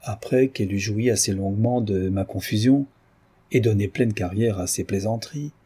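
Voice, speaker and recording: Male narrator, measured reading, dark husky tone. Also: lowish voice. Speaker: audiobook reader. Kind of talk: audiobook narration.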